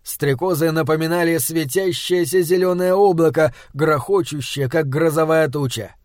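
A man reading a fantasy audiobook in a measured storytelling manner. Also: fairly high pitch, darkish tone, no room sound, studio quality. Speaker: audiobook narrator. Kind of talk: scripted narration.

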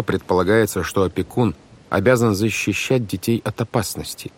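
Deep-voiced male audiobook narrator. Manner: measured, expressive storytelling. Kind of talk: scripted narration. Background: music.

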